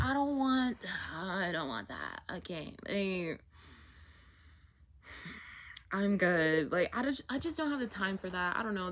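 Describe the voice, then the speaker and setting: Young woman vlogger, casual profane rant, constant fillers, mid pitch. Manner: animated, profane, filler-heavy "like".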